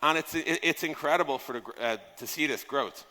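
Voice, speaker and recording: A fairly high-pitched man talks a little fast, his tone bright and forceful, giving an informal talk on software product design from a conference stage. His style is emphatic and conversational, with rhetorical questions and casual swearing. The large hall's echo leaves a long reverb on the recording.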